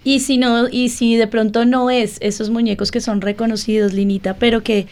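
Woman, radio co-host, casual chat, brief agreements, higher pitch. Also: flat delivery, normal speed, darkish tone. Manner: chiming in with short agreements.

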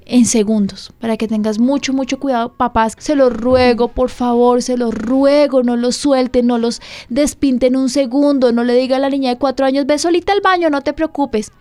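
Woman pastor-host, earnest and pleading, slightly high voice. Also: little pitch movement, normal speed, hardly any pauses, dark tone.

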